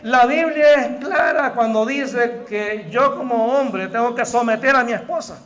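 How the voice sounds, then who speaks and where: A middle-aged Salvadoran pastor with a Salvadoran Spanish accent preaches a sermon in a church hall, speaking conversationally and often calling the congregation "hermano." His voice is extremely high and a bit bright, his pace measured, and the audio dull.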